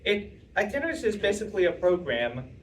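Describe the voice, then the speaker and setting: A young man talks casually to an audience, rambling and restarting with plenty of fillers. His voice sits a little high. He is picked up from across a meeting room, with faint room noise behind him. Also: big pitch swings, brisk, far from the mic, poor audio. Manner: chatty, rambling, self-interrupting with fillers. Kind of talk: casual talk answering audience questions.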